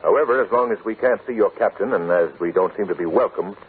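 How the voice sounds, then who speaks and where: An actor playing a composed, resolute gentleman sleuth, polite and assured, in a 1940s radio drama. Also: lowish voice, fast talker, natural voice. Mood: firm, polite. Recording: noisy, tinny 1940s radio broadcast.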